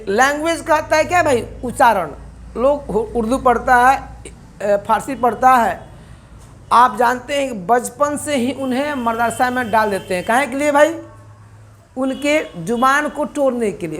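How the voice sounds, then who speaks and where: High, slow Indian-accented English teacher. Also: female voice, a bit bright. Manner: repetitive, drills words, asks and answers own questions. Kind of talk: classroom-style language lesson.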